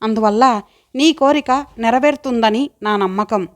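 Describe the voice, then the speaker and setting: Caring young woman, affectionate and coaxing, slightly high, for an audiobook, read by a woman. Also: a little slow, lightly acted. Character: warm caring young woman, loyal friend.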